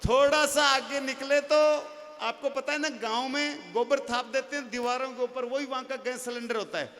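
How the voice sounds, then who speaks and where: A man from Rajasthan performing stand-up comedy, telling stories with quick punchlines. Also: extremely high pitch, in a large hall, soft background music. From Rajasthan, India. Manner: lively anecdotal delivery with punchlines. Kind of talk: stand-up storytelling.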